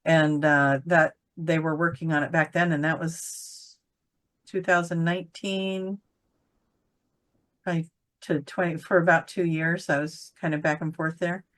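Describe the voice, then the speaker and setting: A woman's voice: deep voice, fairly even intonation, a little slow, a bit bright. A woman in casual conversation about spiritual channeling, rambling and searching for words with many fillers. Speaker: channeler co-host.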